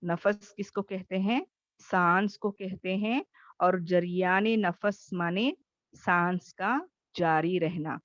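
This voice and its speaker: A woman's voice: on the low side, slow, dry recording, muffled recording. A woman teaching a Tajweed class online, explaining patiently and checking in often with her students.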